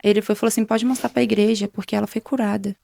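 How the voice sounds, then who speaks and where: A young adult woman talks through her personal testimony as an interview guest. She tells it conversationally, acting out the quoted exchanges in between. Her voice has a gravelly, fry-tinged texture, and the sound is dry and close with no room echo. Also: mid-range voice, fairly even intonation, fast talker, mellow. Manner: retells events with many quoted exchanges in a conversational way. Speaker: guest sharing a faith testimony.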